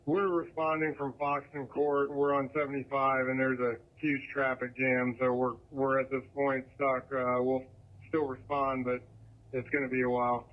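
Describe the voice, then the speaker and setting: A man's voice: medium pitch, little pitch movement, moderate pace. A man acting as fire incident commander, giving clipped, businesslike calls over a two-way scanner radio. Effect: heard over a two-way scanner radio. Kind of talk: emergency radio traffic. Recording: muffled scanner radio transmission.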